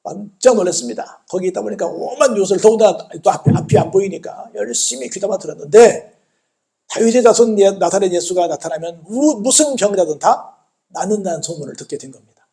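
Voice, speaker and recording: A male pastor preaching a Sunday sermon in a church, asking the congregation rhetorical questions, calling out hallelujah, and retelling a story with loudness that swells and drops. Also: high voice, expressive, a little fast, vocal fry. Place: church sanctuary.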